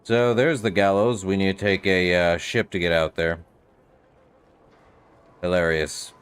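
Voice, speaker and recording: A man's voice: low voice, level tone, measured pace, clear, resonant tone. A man doing casual let's-play commentary, offhandedly reacting and muttering to himself as he plays. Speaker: game streamer.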